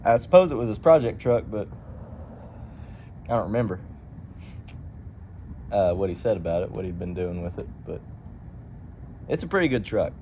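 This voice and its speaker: Low-voiced man rambling over vehicle noise. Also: sing-song, normal speed, pauses often, dark tone. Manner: folksy colloquial phrasing, ain't and them. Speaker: vlogger. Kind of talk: casual rambling vehicle chat to camera. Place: in and around a truck. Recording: dull lo-fi audio, vehicle noise. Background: car and outdoor ambience.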